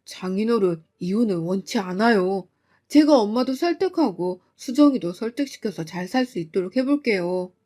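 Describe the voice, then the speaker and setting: A woman's voice: expressive, moderate pace, natural voice. Woman doing a meek pleading young husband. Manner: low, soft and apologetic.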